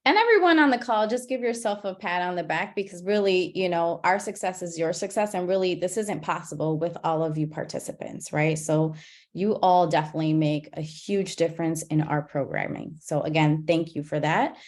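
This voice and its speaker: A woman hosts an online gathering with a somewhat low voice. She talks in a loose, chatty way, full of "um"s and "you know"s and restarted phrases. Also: steady tone, moderate pace, a little mellow. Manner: chatty, many fillers and restarts. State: out of breath. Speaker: program host. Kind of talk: casual presentation on a video call.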